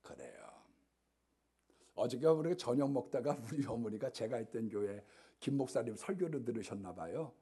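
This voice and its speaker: Male pastor, husky, very animated sermon delivery with loud-to-whisper swings. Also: medium pitch, moderate pace. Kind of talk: sermon with storytelling.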